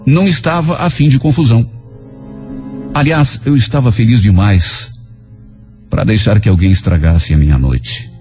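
A man narrating a dramatic first-person story for radio in an expressive storytelling voice. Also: lowish voice, moderate pace, long pauses. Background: soft music.

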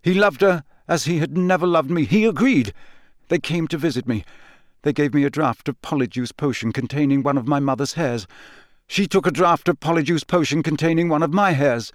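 Dazed young man, flat monotone, emotionless confession, read by a man in an audiobook. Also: a little high, fairly quick, dry recording, studio quality, voice pushed up, close to an everyday voice. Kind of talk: audiobook character voice.

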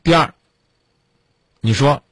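A man's voice: mid-range voice, takes it slowly, a bit bright, no room sound. A man hosting a radio call-in advice show, scolding a caller in a stern lecture full of pointed questions.

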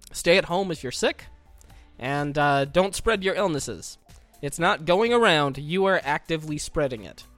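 Animated, higher-pitched man with a scratchy throat. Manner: wordy, mock-formal, wry. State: under the weather with a scratchy throat. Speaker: podcast co-host. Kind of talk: casual comic storytelling on a podcast.

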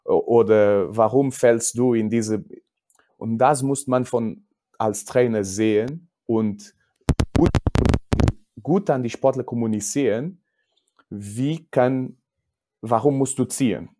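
A judo coach with a Portuguese accent answers casually in an interview, speaking non-native German haltingly, searching for words and repeating himself. His voice is mid-range with a dark tone.

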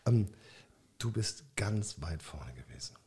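A man's voice: fairly low pitch, big pitch swings, unhurried, mellow. A man co-hosting a podcast in casual chat, adding dry, ironic interjections and teasing questions. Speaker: podcast co-host.

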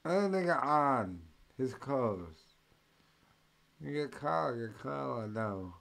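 A man hosting a ranting commentary show, talking slowly and deliberately at a middle pitch. His tone is mocking and profane. Now and then he breaks into loud, high-pitched impressions of the people he is mocking. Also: big pitch swings, vocal fry. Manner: mocking, profane, mimics others in loud bursts.

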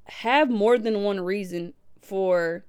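A woman in her twenties from Milwaukee, hosting a podcast in a casual, animated way and laughing often. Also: medium pitch, takes it slowly, smooth. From Milwaukee, USA. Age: 20s. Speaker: podcast host. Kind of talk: casual reflective podcast talk.

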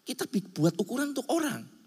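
A man's voice: very high voice, huge pitch swings, brisk, a little mellow, breathy edge. A male pastor preaching a sermon in a church hall, speaking emphatically and often calling his listeners brothers and sisters. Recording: long hall reverb.

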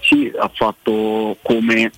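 A man giving analytical football commentary as a radio guest, explaining tactics in a halting way. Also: fairly low pitch, big pitch swings, fairly bright tone, dry recording, faint music behind, rough recording.

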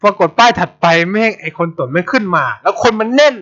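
A Thai podcast host with a high voice tells stories at a quick pace, blunt and animated, swearing constantly in casual chat. The sound is dull and lo-fi.

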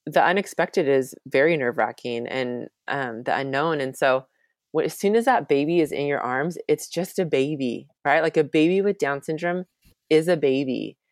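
A woman in her thirties with a deep voice speaks at a moderate pace as a guest in a conversational interview, recorded dry with clean studio sound. Raising two children with Down syndrome, she comes across earnest and reassuring, using many fillers.

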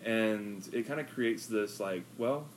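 A man chatting casually on a podcast, relaxed and rambling with lots of fillers. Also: fairly low pitch, slow pace, a little hiss or hum, rough recording. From US West Coast. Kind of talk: casual chat.

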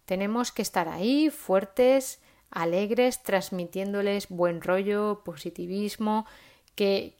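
Mujer española charlando con consejos para madres. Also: female voice, medium pitch, a little mellow. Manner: chatty, frequent "¿vale?" tags, informal. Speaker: parenting vlogger. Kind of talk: casual advice monologue.

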